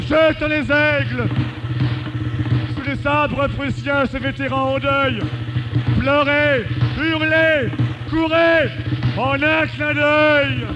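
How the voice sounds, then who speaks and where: High-voiced man declaiming verse theatrically. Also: lo-fi sound. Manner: theatrical, swinging from hushed murmurs to shouted cries, vocalizing drums and fanfares. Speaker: poetry reciter. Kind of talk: dramatic verse recitation. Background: loud music.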